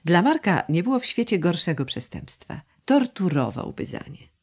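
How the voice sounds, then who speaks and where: Expressive woman narrating an audiobook. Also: on the low side, moderate pace, breathy edge. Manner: expressive, storytelling. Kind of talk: scripted narration.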